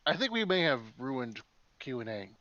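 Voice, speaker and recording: A man's voice: medium pitch, sing-song, moderate pace, bright, forceful tone, no room sound, highs cut off. A man co-hosting a podcast in casual chat, rambling and making jokes. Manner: rambling, joking. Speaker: podcast co-host.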